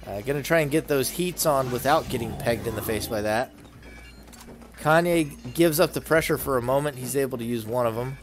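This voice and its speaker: A man commentating a video game tournament, calling the action play by play with brisk, excited energy. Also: medium pitch, faint music behind.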